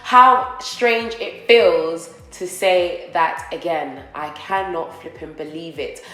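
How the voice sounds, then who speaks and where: A young beauty vlogger chats to viewers like friends while doing her makeup in an indoor co-working office, rambling casually and sounding a bit nasal from a recent cold. Her low voice is slow, pushed and bright, and the low-quality recording is reverberant with soft background music.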